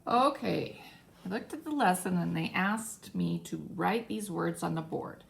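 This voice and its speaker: A woman teacher giving a phonics lesson to young children, animated and full of mock surprise. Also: on the low side, a little slow, gravelly.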